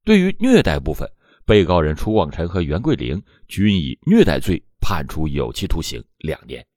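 A man's voice: very deep voice, wildly swooping pitch, moderate pace, darkish tone, dry recording, studio quality. A man hosting a true crime storytelling show, narrating a court case from a script with dramatic emphasis at the start of phrases.

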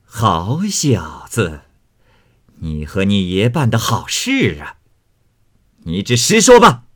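A man voicing a sharp, domineering young noblewoman who runs the household, cold and scornful. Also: on the low side, big pitch swings, a little slow. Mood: scolding. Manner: cold scornful sneering, scolding in outbursts.

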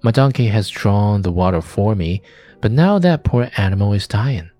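A blunt, practical old farmer from a storybook reading, as a man reads him, speaking in a low, dark voice. He talks plainly and without fuss, and a little music sits faintly in the background. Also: animated, moderate pace, dry recording, close to an everyday voice.

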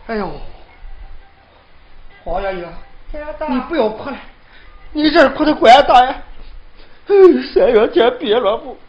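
A blustering, foul-mouthed old man bargains and scolds in a Northern Shaanxi accent, voiced by a folk storyteller. The voice swings widely in pitch over loud string accompaniment. The recording is dull and lo-fi. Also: lively intonation, unhurried, pauses often, soft background music, lightly acted. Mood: soothing, blustering.

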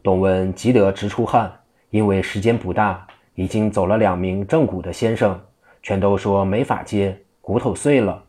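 A man narrating a traditional tale in a lively, vivid storytelling style, doing all the voices. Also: sits low, normal speed.

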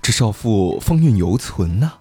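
A man's voice: lowish voice, sing-song, unhurried, music in the background. A man hosting a podcast, retelling an old folk tale casually with jokes and asides. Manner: playful, joking asides. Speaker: storytelling podcast host. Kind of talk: casual storytelling with banter.

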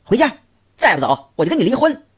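Angry bossy wife done by a guy, high shrill yelling, husky edge. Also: sing-song, fast talker. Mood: furious. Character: bossy, hot-tempered young wife.

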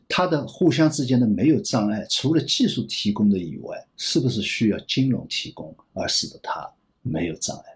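A male banking expert with a voice on the low side answers questions thoughtfully as an interview guest. He rambles, thinking as he talks and often repeating phrases while he reasons aloud.

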